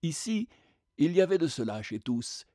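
A man narrating an audiobook in a measured, literary reading. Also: on the high side, very animated, warm tone, dry recording, studio quality.

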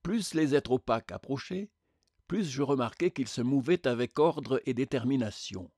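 A man reads a literary tale aloud as an audiobook, measured and even in his delivery. His voice sits at a middle pitch. The recording is dry and close. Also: no room sound. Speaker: narrator. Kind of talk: audiobook narration.

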